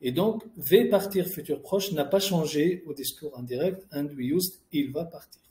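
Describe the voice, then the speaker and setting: A man's voice: fairly high pitch, moderate pace, warm tone. A man teaching French grammar, explaining each rule in French and then in English and reading out example sentences. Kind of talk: classroom-style grammar lesson. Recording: echoey room.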